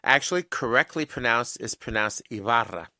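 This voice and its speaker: Co-hosting a fan podcast, a man from a Mexican-American family chats casually and explains things carefully. His mid-range voice has lively intonation and a moderate pace, sounding pushed and bright with no room sound.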